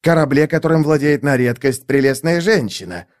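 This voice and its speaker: A man's voice: on the high side, expressive, brisk, voice pushed up, close to an everyday voice. A man voicing a sly, lecherous mage who babbles eagerly and mutters scheming asides to himself.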